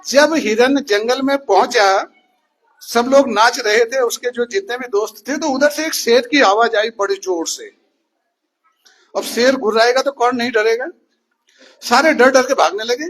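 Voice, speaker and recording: Man, teacher, children's story, asks questions, very high voice, husky. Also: a little slow, a bit bright.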